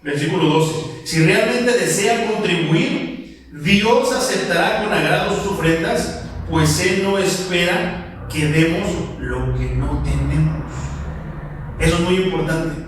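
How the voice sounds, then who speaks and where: A man's voice: fairly high pitch, slow pace, recorded from a distance, a little hiss or hum. A man preaching a casual Bible commentary, telling stories and calling his listeners brother. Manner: conversational, storytelling, addresses listeners as brother. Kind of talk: informal church Bible commentary. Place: church hall. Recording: very echoey hall, voice off-mic.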